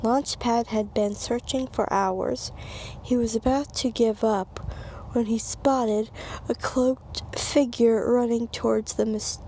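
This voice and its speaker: A woman's voice: fairly high pitch, fairly even intonation, takes it slowly, mellow, slight background noise, low-quality recording. A woman reading a children's storybook aloud, stumbling and repeating phrases, with casual asides. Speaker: reader.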